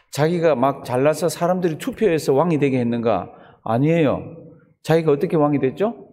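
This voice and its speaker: A man's voice: fairly high pitch, mellow. A man preaching a dawn sermon as pastor, asking the congregation questions and answering them himself. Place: church sanctuary. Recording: long church hall reverb.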